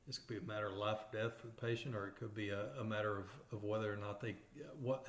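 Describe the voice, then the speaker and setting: A man with an East Texas accent teaching radiography in a lecture over slides, explaining step by step with many fillers and restarts. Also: fairly low pitch. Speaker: radiography instructor. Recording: roomy echoey recording.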